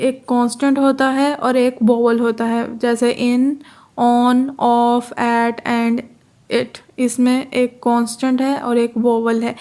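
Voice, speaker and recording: A woman's voice: a little high, a little mellow. A woman with a Pakistani accent teaching a phonetics lesson, repeating key terms, giving examples and correcting herself as she goes. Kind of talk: lecture in Hindi-Urdu, explaining English phonetics.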